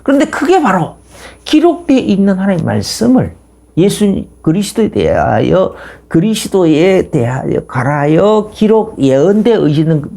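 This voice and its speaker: A woman's voice: fairly low pitch, big pitch swings, a little slow, creaky, warm tone. A woman pastor preaching a sermon, telling the story emphatically and asking rhetorical questions.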